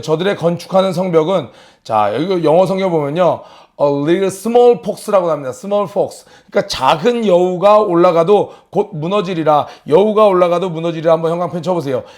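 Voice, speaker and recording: A man's voice: a little high, lively intonation, normal speed, a little mellow. A male pastor preaching an online early-morning sermon, asking the listeners questions and acting out the voices of mockers. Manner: asks the listeners questions, acts out mocking voices. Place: church service streamed online.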